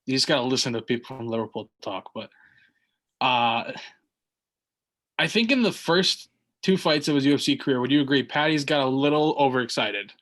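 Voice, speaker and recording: Brisk and animated, a man with a mid-range, somewhat bright voice co-hosts a combat sports podcast. Breaking down fights in relaxed conversation, he wanders, starts sentences over and leans on filler words.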